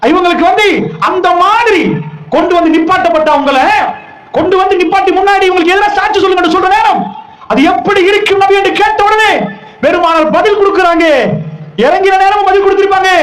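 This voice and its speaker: A man's voice: very high voice, fairly quick, a bit bright, echoey room, low-quality recording. A man preaching an Islamic sermon, fervent and emotional, firing rhetorical questions at the congregation.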